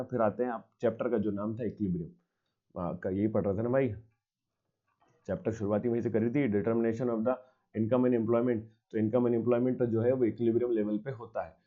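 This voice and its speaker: In a recorded exam-prep lecture, a male commerce teacher explains things step by step, answers his own questions, and mixes English terms into his speech. His mid-range voice has a dark tone, and the audio sounds dull.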